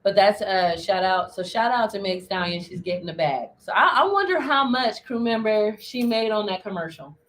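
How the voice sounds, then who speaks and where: A woman co-hosting a casual chat, animated and playful, telling stories with a lot of expression. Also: mid-range voice, normal speed, hardly any pauses, a little hiss or hum. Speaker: podcast co-host.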